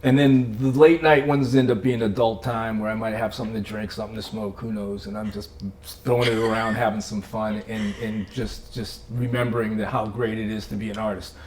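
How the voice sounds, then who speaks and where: A man's voice: on the low side, brisk, roomy sound, slight background noise. A man, an artist, telling stories about his career in a casual interview in his studio, acting out the people in his anecdotes and laughing often. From Cape Cod, Massachusetts. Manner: animated storyteller, acts out voices in anecdotes, laughs often. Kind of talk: casual storytelling conversation.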